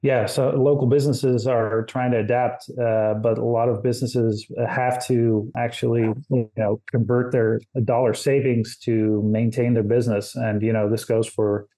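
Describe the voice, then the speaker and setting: A man from the Netherlands, a guest in a casual interview, speaking slowly with many "uh" fillers. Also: medium pitch, little pitch movement, warm tone.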